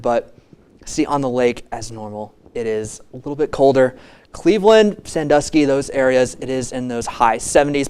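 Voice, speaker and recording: Student weatherman, male, clear resonant voice, relaxed and conversational. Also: mid-range voice. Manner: casual, chatty forecasting. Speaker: weather forecaster.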